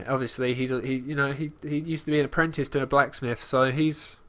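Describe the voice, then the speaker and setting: Man, let's play host, casual game commentary, halting, many fillers, third-person narration, mid pitch. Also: level tone, a bit bright.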